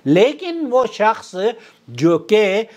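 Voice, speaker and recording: High-voiced male preacher explaining earnestly. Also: huge pitch swings. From South Asia. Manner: earnest explanatory tone, addresses "brothers and sisters". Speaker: Islamic preacher. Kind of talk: religious lecture in Urdu.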